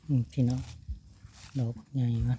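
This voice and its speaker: A man's voice: moderate pace, warm tone, slight background noise. A man with an Isan Thai accent giving casual running commentary outdoors while foraging for mushrooms, chatty and forever calling out to his viewers. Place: outdoors in the woods.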